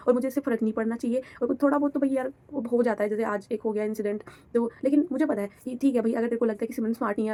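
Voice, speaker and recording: A young woman sharing a candid vlog monologue, mixing Hindi and English in a blunt, frank way. Her voice sits fairly high but has a warm, soft tone. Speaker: vlogger.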